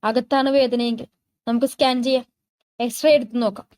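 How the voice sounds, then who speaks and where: A woman voicing a calm hospital doctor who speaks in a measured, reassuring way. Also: on the high side, no room sound, close to an everyday voice.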